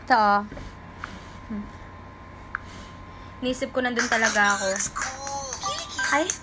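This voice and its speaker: A woman's voice: on the high side, steady tone, unhurried, music in the background, poor audio. A young woman from the Philippines chatting politely on a livestream, answering fans and reading out their comments. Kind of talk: casual livestream chat.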